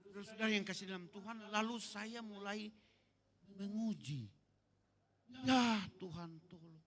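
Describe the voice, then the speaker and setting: A middle-aged man with a Manado accent preaching a sermon as pastor, animated, with humorous asides and bursts of shouting. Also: sits high, a little slow.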